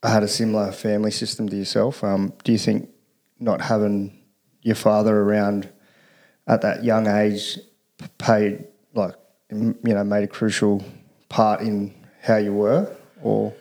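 A man's voice: fairly low pitch, little pitch movement, measured pace, darkish tone. A man casually interviewing someone, asking personal questions in an informal way.

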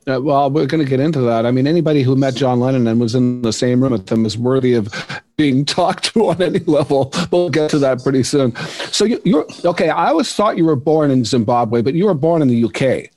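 A man's voice: medium pitch, darkish tone. A man hosting an interview show, asking questions eagerly with frequent restarts. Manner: eager, halting, many restarts. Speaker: podcast host. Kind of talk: casual interview chat.

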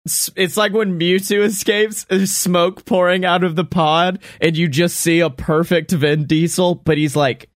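A man co-hosting a comedy podcast, pitching a film plot with jokey storytelling and frequent laughter. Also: steady tone, measured pace, few pauses, dry recording, clean studio sound. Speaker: podcast co-host. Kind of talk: comedic improv chat.

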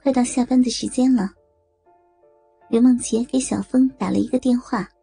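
A woman narrates a story at a slow, measured pace. Her voice is fairly high but dark and mellow, with a gravelly, husky grain. The recording is dry and close, with faint music underneath. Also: fairly even intonation, no echo.

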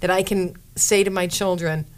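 Animated woman chatting about spirits. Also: lowish voice, moderate pace. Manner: animated, acts out quotes in lively voices. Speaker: podcast co-host. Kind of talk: casual paranormal chat.

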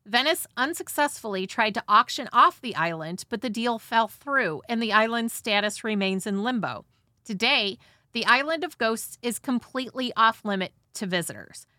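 A woman's voice: fairly high pitch, pushed and bright, dry recording, clean studio sound. A woman hosting and narrating from a script with casual, conversational asides and a dramatizing touch. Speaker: host.

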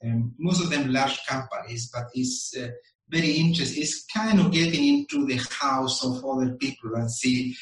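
A man from Chile, answering interview questions in a measured way and pausing often with ums and uhs. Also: mid-range voice, very animated, distant mic, slight background noise. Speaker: guest. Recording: echoey room, voice a bit off-mic.

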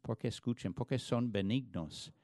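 A man's voice: mid-range voice, moderate pace, darkish tone, dry recording. A man preaching a sermon in an earnest, emphatic way, often restarting words mid-phrase. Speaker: pastor.

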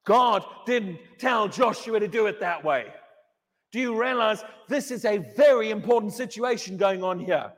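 A man's voice: high-pitched, normal speed, big-room sound. A pastor preaching a sermon in a church, emphatic and questioning, often repeating his words.

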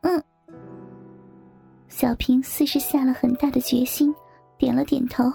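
High gravelly-voiced woman storyteller. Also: level tone, normal speed, dark tone. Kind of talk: scripted narration of an erotic story. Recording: faint background music.

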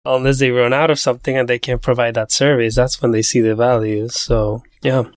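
A man's voice: medium pitch, level tone, fairly quick, dry recording. A man co-hosting a podcast interview in a casual conversational style. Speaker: podcast co-host.

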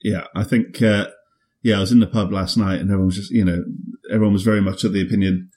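A man's voice: fairly low pitch, fairly even intonation, quick pace, darkish tone. A man co-hosting a podcast in casual banter, with a dry, wry, joking manner. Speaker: podcast co-host.

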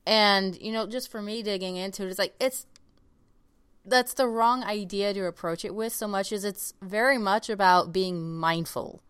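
A woman's voice: medium pitch, normal speed, fairly bright tone, clear, resonant tone, no room sound. A woman co-hosting a podcast in casual chat, speaking frankly and emphatically, with casual swearing. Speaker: podcast co-host.

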